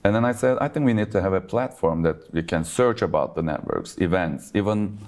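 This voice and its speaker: A low-voiced man from Turkey who owns a logistics business talks briskly in a conversational interview at a conference. He sounds relaxed and leans heavily on fillers like "like" and "basically."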